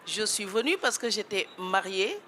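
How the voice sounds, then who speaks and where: A woman's voice: mid-range voice, sing-song, moderate pace, bright, forceful tone, a little hiss or hum. A woman from Senegal speaking as a panel guest, firm and assertive as she makes her point. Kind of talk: panel discussion.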